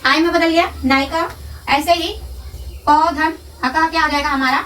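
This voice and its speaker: A woman teaching a grammar lesson, asking questions and answering them herself, repeating terms slowly. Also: high-pitched, fairly even intonation, fairly bright tone, slight background noise. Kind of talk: classroom-style lesson. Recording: distant from the mic.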